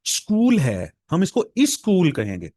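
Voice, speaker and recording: A man's voice: high voice, wildly swooping pitch, warm tone, no room sound, clean studio sound. Pakistani man teaching a class. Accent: Pakistani Urdu. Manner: explanatory, repeats words slowly to drill pronunciation. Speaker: English professor lecturing exam aspirants. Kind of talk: classroom lecture.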